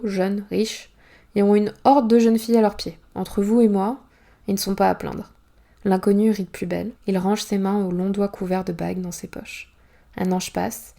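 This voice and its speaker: A woman author reading her own novel aloud in first-person narration, calm and even. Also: medium pitch, gravelly.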